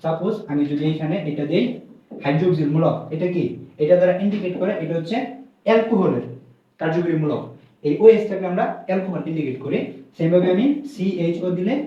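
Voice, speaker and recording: A male chemistry teacher from Bangladesh speaking, giving a recorded lecture and answering his own questions. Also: sits high. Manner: asks the students questions and answers them himself. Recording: very echoey room, distant mic, muffled sound.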